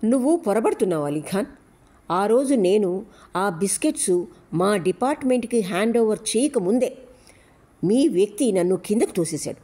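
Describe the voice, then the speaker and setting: A woman's voice: medium pitch, lively intonation, normal speed, mellow, pitched above the performer's own voice, lightly acted. A woman voicing a blinded male police officer who insists and pleads under threat. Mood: indignant.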